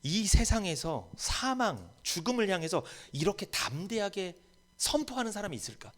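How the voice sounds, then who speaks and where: A man's voice: high-pitched, big pitch swings, normal speed, fairly bright tone. A man preaching a sermon as pastor, emphatic and rising to bold proclamations in a church. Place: church sanctuary.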